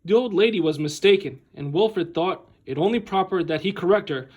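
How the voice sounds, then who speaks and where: Like someone from a school's staff at storytime, a man performs a picture book aloud, expressive and animated. He phrases things deliberately, pauses for drama, and his voice sits high.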